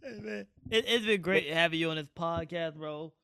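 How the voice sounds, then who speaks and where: Laid-back podcast host, slightly high voice. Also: male voice, normal speed, gravelly, sharp tone, clean tone, dry recording. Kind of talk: casual chat.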